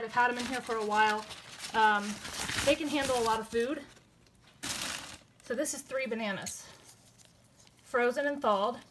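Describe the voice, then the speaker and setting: A chatty young woman with a fairly high voice talks through a casual how-to vlog indoors by her worm bins. She is slightly out of breath and fills pauses with ums as she explains each step. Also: a bit bright, a little hiss or hum. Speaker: worm farming vlogger.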